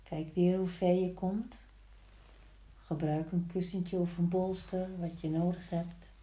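Woman, yoga instructor, soft hushed soothing guidance, lowish pitch, slow unhurried pace, long pauses. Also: level tone. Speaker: yin yoga teacher. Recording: roomy, echoing sound.

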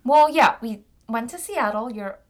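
Young woman, casual chat, slightly high voice, blunt, swears, laughs. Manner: blunt, swears, quick laughs, many fillers. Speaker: podcast co-host.

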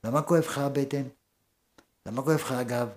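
A man giving a rabbi's Torah lesson, asking the listeners rhetorical questions and swinging between raised and hushed speech. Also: mid-range voice.

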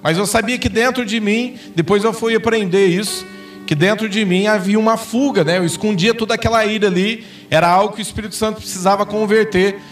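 A Brazilian pastor with a high voice preaches in church, telling stories and playing out the dialogue in them. He sounds a little far from the mic, with soft music underneath. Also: fairly even intonation, a little fast. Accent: Brazilian Portuguese. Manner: storytelling, acts out quoted dialogue with rising intensity. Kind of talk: sermon. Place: church sanctuary.

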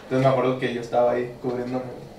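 A man's voice: mid-range voice, monotone, very fast, darkish tone. A man with a Mexican accent, co-hosting a podcast and telling stories in casual, slangy chat. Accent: Mexican Spanish. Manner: slangy, storytelling, swears often. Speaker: podcast co-host. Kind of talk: casual chat among friends. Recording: echoey room, distant mic, faint hiss.

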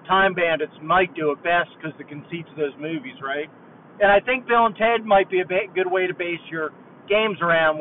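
A man calling in a voice message from his car over a low-quality hands-free phone line, chatting in a relaxed, rambling way. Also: slight background noise. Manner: relaxed and chatty, thinks aloud. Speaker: caller leaving a voice message. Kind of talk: casual rambling chat. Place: driving in a car. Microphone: car hands-free phone mic.

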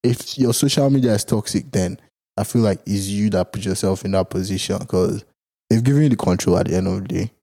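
A young man chats as a podcast co-host. His voice is very mellow and fairly low. He talks casually and slangily, as if to a close buddy on the couch. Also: a little fast. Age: young adult. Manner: slangy, buddy-like, punctuated with "bro" and "you know". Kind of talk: casual chat. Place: home studio, seated on a couch.

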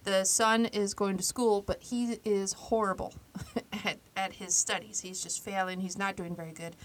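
A woman co-hosting a podcast, casually retelling a story with lively acted-out quotes. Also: mid-range voice, normal speed. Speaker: podcast co-host.

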